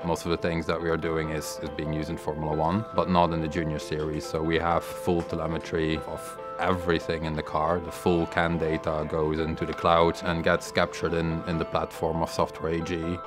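A man explains the car's technical details in a documentary interview. His voice is very deep and flat, and music plays clearly underneath. He talks matter-of-factly and often repeats a word before going on. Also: normal speed, hardly any pauses. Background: music bed.

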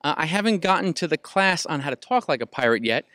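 A man's voice: fairly high pitch, animated, quick pace, sharp tone, no room sound. A man, a priest and campus ministry director, answering casually with many fillers and good humor.

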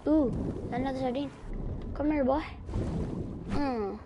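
A woman streaming a survival game, chatting casually to herself with excitable reactions and mild cursing. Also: sits high, a little slow, highs cut off, very noisy. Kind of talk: casual gameplay commentary.

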